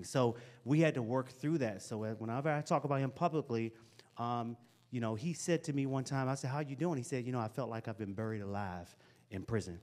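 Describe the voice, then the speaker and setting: A medium-pitched man in his forties, a motivational speaker, gives a live talk to young people in a school hall through a handheld microphone. He's lively, casual, and encouraging, with chatty asides.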